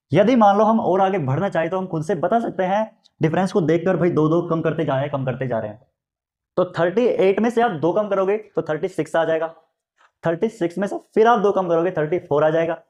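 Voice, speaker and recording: A male math teacher who explains things in a relaxed, conversational way. His voice sits a little above the usual male range, and he goes over each step again while checking that his students follow. He often asks questions and then answers them himself. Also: on the high side. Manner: conversational, checks understanding with frequent "ठीक है?"; repeats steps and asks the listener questions. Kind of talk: classroom lesson.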